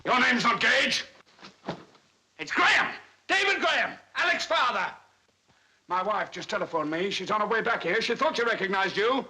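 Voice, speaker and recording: A man's voice: high-pitched, lively intonation, normal speed, long pauses, pushed and bright, slightly rough, heavily acted, poor audio. A man playing a domineering, suspicious middle-aged father with an imperious, interrogating manner in a 1950s film drama. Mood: angry, demanding. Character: domineering, suspicious, forceful British father and boss. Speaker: actor.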